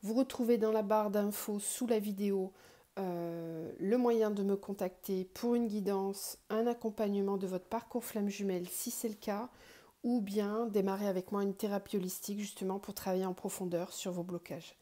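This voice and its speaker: A woman hosting a spiritual card reading for viewers, slightly ill, her voice cracking at moments, explaining gently with pauses. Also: mid-range voice, fairly even intonation. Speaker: tarot card reader and online guidance host.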